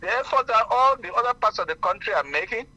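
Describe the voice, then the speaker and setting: A man's voice: high voice, animated, fast talker, pushed and bright, poor audio. A man calling in on a speakerphone while driving, talking hesitantly with many fillers and restarts. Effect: car speakerphone call. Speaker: caller. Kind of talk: call-in radio talk. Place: car.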